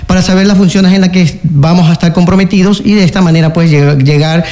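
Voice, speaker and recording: A man answers questions as a radio interview guest. His voice sits fairly high for a man. He speaks earnestly, filling pauses with fillers and restarting his phrases as he goes. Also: fairly even intonation, dark tone. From Ecuador. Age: 40s. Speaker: interview guest, local candidate and teacher.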